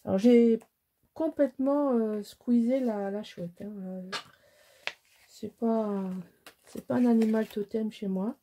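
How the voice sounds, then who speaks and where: Speaking slowly in a warm, slightly high voice, a middle-aged woman from Alsace in France walks through a crafting tutorial on scrapbooking. She chats casually, rambles, teases herself and keeps starting over.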